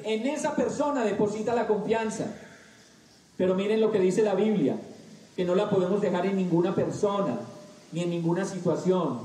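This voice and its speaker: A man preaching a sermon, slow and emphatic with dramatic pauses. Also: sits high, dark tone, recorded from a distance. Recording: echoey room, voice off-mic.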